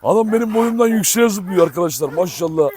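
High-voiced man chatting among his dogs. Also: animated, a little fast, a little mellow, a little hiss or hum. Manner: chatty, talks to viewers and calls out to dogs. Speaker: dog breeder vlogger. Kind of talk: casual vlog walkthrough. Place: outdoors among dog kennels.

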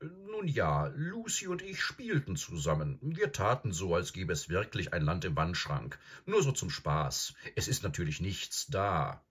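A man's voice: low-pitched, very animated, measured pace, hardly any pauses, a bit bright, breathy edge, exaggerated voice. A man voicing a sulky, condescending boy who talks down to others in a storybook reading. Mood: smug. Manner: superior, talking down.

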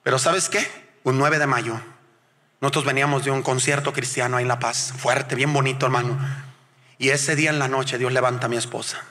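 A middle-aged man from Mexico, preaching a testimony sermon as a guest evangelist, calling his listeners "brother" again and again and moving between hushed storytelling and shouted exhortation. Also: medium pitch, fairly even intonation, brisk. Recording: long hall reverb.

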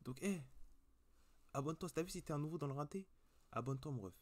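A man's voice: fairly high pitch, animated, fast talker. A young man hosting a reaction video, chatting casually to his viewers in slang and swearing freely into a cheap webcam mic.

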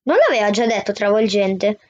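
A woman's voice: on the high side, moderate pace, no room sound. Woman reading a novel aloud. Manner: steady first-person narration. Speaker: book reader. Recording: dull, dry lo-fi sound.

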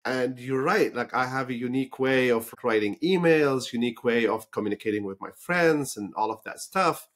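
A man from Lebanon, not a native English speaker, hosts a conversational podcast interview in a thoughtful way, using fillers and restarts. His mid-range voice has a fairly bright tone and moves at normal speed.

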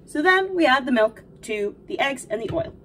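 A woman's voice: high voice, animated, normal speed, fairly bright tone. A young woman playing a sweet, cheerful video game princess, explaining baking in a dainty, encouraging, instructive way. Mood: gentle, instructive. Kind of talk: in-character cooking tutorial. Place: small home kitchen, indoors. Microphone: camera a few feet away. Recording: distant mic, noticeable background noise.

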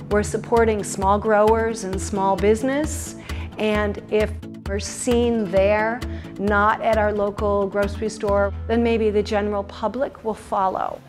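A woman chef speaking plainly and matter-of-factly in a documentary interview. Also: medium pitch.

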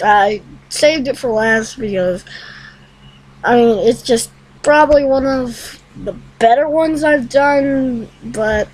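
In a room at home, a young teenager hosts a casual screen-recorded tutorial, rambling and hesitant. The voice is medium-pitched, and the recording quality is low.

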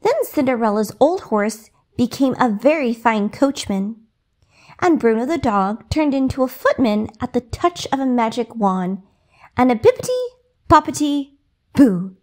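A woman reading a bedtime story aloud in a gentle, soothing, expressive way. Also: a little high, measured pace.

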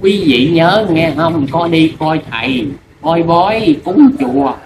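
An older man plays a crude, bossy old fortune teller, scolding and teasing in a rapid, bawdy manner. His voice is slightly high and expressive, recorded in an echoey, noisy room.

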